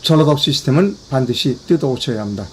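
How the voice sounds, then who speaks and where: A man's voice: mid-range voice, animated, fast, darkish tone, slight background noise. A man hosting a political commentary broadcast in Korean, talking emphatically, repeating key phrases and addressing his viewers directly. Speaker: commentary channel host.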